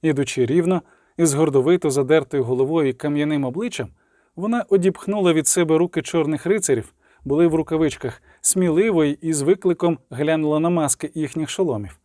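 A man narrating an audiobook in a steady, measured storytelling voice. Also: a little high, no echo, clean studio sound. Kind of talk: scripted narration.

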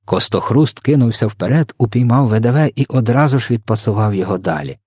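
A man narrating an audiobook with expressive storytelling. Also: mid-range voice, fast, slightly rough, no room sound, studio quality.

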